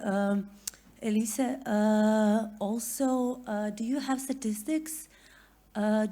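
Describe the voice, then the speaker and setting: A woman's voice: medium pitch, dark tone. A woman from Croatia asking a question from the floor at a conference, hesitant and full of fillers. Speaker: audience member asking a question.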